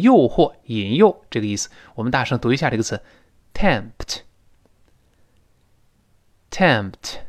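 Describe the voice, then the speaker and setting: This is a man with a Mandarin Chinese accent and a mid-range voice, giving a spoken English lesson. He patiently explains, then slowly models phrases for the class to say after him.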